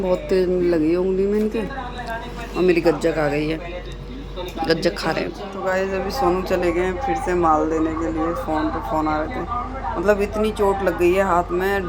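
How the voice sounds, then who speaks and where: A woman vlogging casually at home, chatting with her viewers and calling them guys as she cooks. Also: on the low side. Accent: Hindi. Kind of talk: casual home vlog chat. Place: home kitchen. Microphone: phone camera. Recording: noisy home phone recording.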